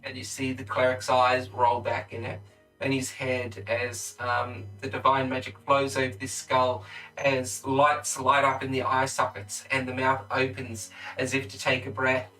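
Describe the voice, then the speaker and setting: A man runs a tabletop game, narrating the scene at a slow pace. He sounds a little away from the mic, with quiet music behind him. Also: mid-range voice, monotone, recorded from a distance, low-quality recording. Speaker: game master.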